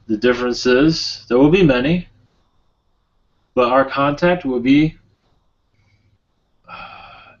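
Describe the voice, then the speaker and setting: A man channeling a benevolent otherworldly Sirian being, speaking in a solemn, halting, prophetic trance-like manner. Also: medium pitch, natural voice. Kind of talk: channeling session, answering questions. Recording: dull lo-fi audio.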